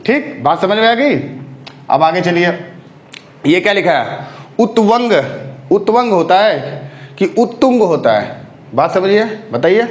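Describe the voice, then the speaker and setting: A man's voice: sits high, reverberant. A man teaching an exam-prep spelling lesson, drilling the correct form of each word by repeating it and checking in with his students again and again. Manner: drills correct forms, repeating words with frequent check-ins.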